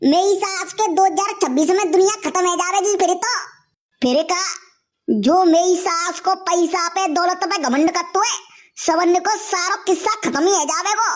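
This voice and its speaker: A voice actor playing a loud, scheming village man in a cartoon, rowdy and brash. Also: very high-pitched, normal speed. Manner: brash, rowdy, full of swear-fillers. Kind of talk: cartoon comedy voice acting.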